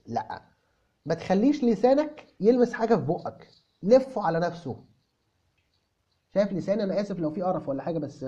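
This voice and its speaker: Egyptian man as an English teacher, fairly high, husky, answering viewers, dull lo-fi audio. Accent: Egyptian Arabic. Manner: animated, repeats words for emphasis, mixes English terms into Arabic. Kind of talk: answering viewer questions in a video lesson.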